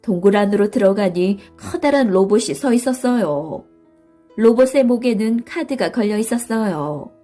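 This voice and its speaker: A woman narrating a bedtime story in a soft, slow, soothing way, with faint music behind her. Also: medium pitch, animated.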